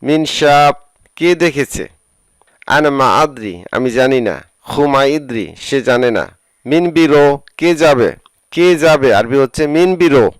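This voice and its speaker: Male tutor, mid-pitched, slow deliberate drilling delivery, dry recording. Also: animated, smooth, no echo. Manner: slow, deliberate, repeats each phrase with its translation. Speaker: language teacher. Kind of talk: slow phrase-by-phrase vocabulary lesson.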